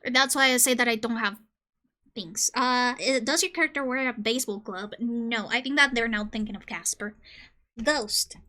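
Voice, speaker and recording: A woman from Colombia streaming casually, joking and reading game questions aloud, with sudden loud squeals. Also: on the high side, moderate pace.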